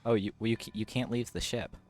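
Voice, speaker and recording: A man's voice: on the low side, fast, darkish tone, faint music behind. A man playing a co-op game, chatting casually in a playful, exclamatory way. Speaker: gamer playing co-op. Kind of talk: casual gameplay banter.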